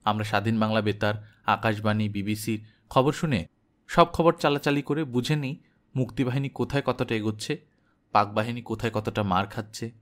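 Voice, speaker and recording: A man narrating an audiobook in a measured first-person diary reading. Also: on the low side, a bit bright.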